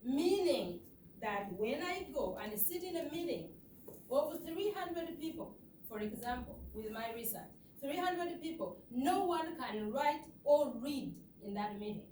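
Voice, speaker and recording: A woman's voice: sits high, expressive, a little slow, a little mellow, a little hiss or hum. A woman from Uganda with a Ugandan accent, giving an earnest, emphatic conference presentation with rhetorical questions to the audience. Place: lecture hall. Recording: echoey hall, far off.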